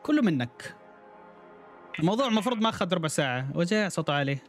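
A man's voice: sits high, sing-song, fast talker, faint music behind. A man streaming a game, chatting and reacting aloud and greeting viewers by name. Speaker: gaming streamer. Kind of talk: casual gameplay commentary.

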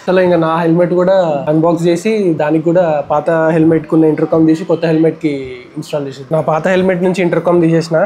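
A Telangana Telugu-accented man in his twenties gives a casual how-to vlog talk mixed with English, seated outdoors on a tiled house porch. His voice is fairly high, warm and level in tone, and he speaks at a racing pace, with faint ambient outdoor noise in the background.

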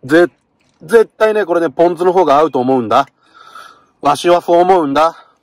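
A middle-aged man talking casually to the camera from inside a parked car, getting excited while he eats. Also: on the high side, brisk, no room sound. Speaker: vlogger. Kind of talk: casual car-camping vlog.

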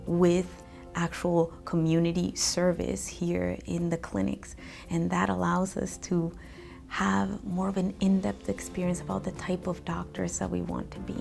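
A young Peruvian woman, a medical student, speaks earnestly in a studio interview testimonial against a gray backdrop, with soft background music playing. Her voice is fairly low and creaky.

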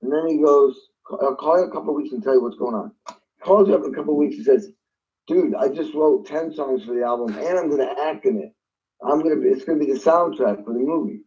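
Animated storytelling man, dark voice. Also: mid-range voice, fast talker, lo-fi sound. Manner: animated, acts out phone calls in voices. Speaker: guest drummer. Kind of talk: storytelling interview.

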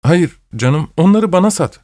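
A man voicing a timid, excitable young male laborer who pleads in a raised voice in an audiobook. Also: on the high side, moderate pace, no echo, clean studio sound, pitched above the performer's own voice. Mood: pleading.

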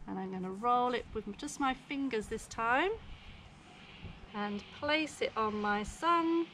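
A woman presents to small children in a broad, singsong delivery. Her voice sits fairly high and she takes her time, speaking outdoors with some background noise behind her. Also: slow pace, fairly bright tone, poor audio. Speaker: children's phonics teacher and presenter. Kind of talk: children's lesson to camera. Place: outdoors in a home backyard.

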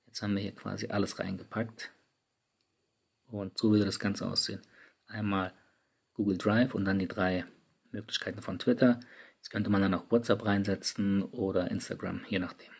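Gravelly-voiced man explaining phone settings. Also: fairly low pitch. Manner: casual, chatty, addresses viewers directly. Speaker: tech YouTuber. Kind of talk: screen-recorded app tutorial. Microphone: studio microphone.

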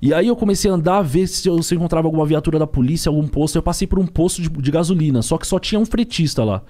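A man's voice: on the high side, expressive, racing, warm tone. A young man, a ride-share driver telling a story as a podcast guest, full of slang and acted-out dialogue. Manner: slangy and street-talking, acts out dialogue.

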